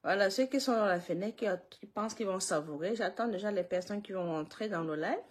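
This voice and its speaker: A woman's voice: mid-range voice, fairly quick, husky. A woman hosting a casual live stream, greeting viewers one by one, repeating herself and laughing often between lines.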